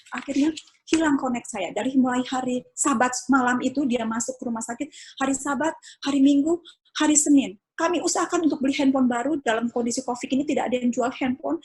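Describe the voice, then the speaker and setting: A woman's voice: sits high, darkish tone, breathy edge. An older woman giving an emotional personal testimony as a pastor's wife, at times crying out and pleading as she relives events. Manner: cries out and pleads when reliving moments.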